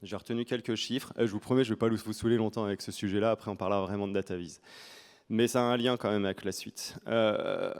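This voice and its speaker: Man, French accent, low-pitched voice, conference speaker, informal, self-deprecating humour. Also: steady tone, quick pace, a little mellow, clear, resonant tone. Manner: colloquial, self-deprecating, joking.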